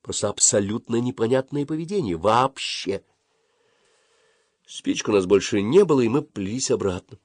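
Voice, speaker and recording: A man narrating an audiobook with an expressive, animated delivery. His voice sits on the low side but rises and falls a great deal. The sound is dry and close, with no room echo. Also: normal speed. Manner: expressive, lively storytelling. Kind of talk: audiobook reading.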